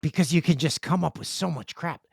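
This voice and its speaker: A man's voice: a little high, a little fast, vocal fry, husky, dry recording, clean studio sound. A man hosting a podcast in casual chat, reading listener emails and telling jokey, rambling stories on a podcast microphone indoors. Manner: jokey, rambling, animated storytelling. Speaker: podcast host. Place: indoor room with a video setup.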